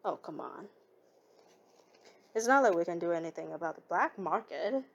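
Reading viewer comments in a casual chat, this young non-native English-speaking streamer giggles a lot and keeps restarting and self-correcting as she rambles. She speaks at normal speed in a lowish, husky voice with vocal fry and lively intonation, on a muffled recording.

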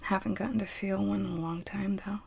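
A woman in an ASMR role-play, playing a doting, teasing partner who soothes and coos to another adult in an intimate, breathy, husky voice. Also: mid-range voice, fairly even intonation, fast talker, darkish tone, no room sound.

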